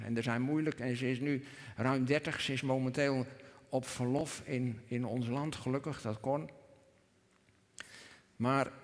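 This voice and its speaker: A man, preaching a sermon in church, earnest, rising to emphatic peaks and dropping to a hush. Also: medium pitch. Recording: long reverb of a church hall.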